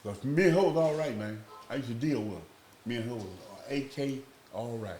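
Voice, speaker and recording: Man, podcast guest, slow rambling storytelling, casual. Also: mid-range voice, a little mellow, slight background noise. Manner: slow, rambling, acts out voices in his stories.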